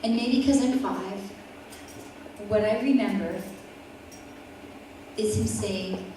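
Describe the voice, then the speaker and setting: A woman in her forties telling a personal story at an event, with vivid, dramatic pauses. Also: medium pitch, warm tone, a little hiss or hum. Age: 40s. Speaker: event speaker. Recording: echoey hall from far off, faint ambience.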